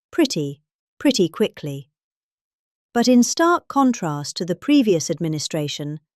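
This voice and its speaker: A middle-aged British woman gives a dramatic, performed reading of a political speech, her pitch swinging up and down as she exaggerates key words. Her tone is darkish, and the recording is dry and close with no room sound.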